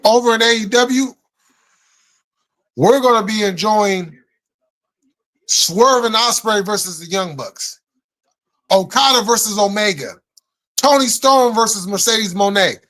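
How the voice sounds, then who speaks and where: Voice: medium pitch, lively intonation, unhurried, long pauses, a bit bright, low-quality recording. A live stream host chatting casually with viewers in informal, slangy speech peppered with swearing.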